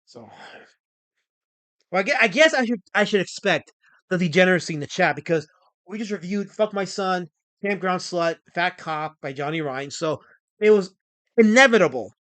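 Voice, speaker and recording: Excitable high-voiced man in his forties. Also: normal speed, no room sound. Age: 40s. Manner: excitable, rambling, reads chat messages aloud. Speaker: livestream host. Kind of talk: casual livestream chat.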